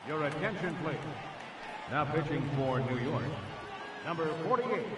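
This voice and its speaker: A man voicing a ballpark public address announcer, calling out names in a drawn-out, ceremonial way through the stadium loudspeakers. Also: fairly high pitch, lively intonation. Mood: announcing. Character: booming male ballpark PA announcer. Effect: heard through stadium loudspeakers. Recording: echoey stadium PA from far off under loud crowd. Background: loud cheering crowd and ballpark noise.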